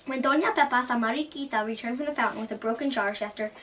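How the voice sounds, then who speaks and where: A woman storyteller reads a children's folktale with lively expression. Her voice is fairly high and her pace fast. She sounds a bit distant from the microphone. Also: slight background noise. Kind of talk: reading a folktale aloud. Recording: distant from the mic.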